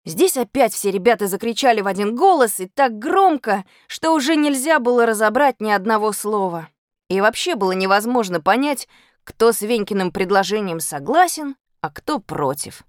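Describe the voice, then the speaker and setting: A woman narrating a children's story in an expressive, lively way. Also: medium pitch, moderate pace, dry recording, studio quality. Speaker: audiobook reader.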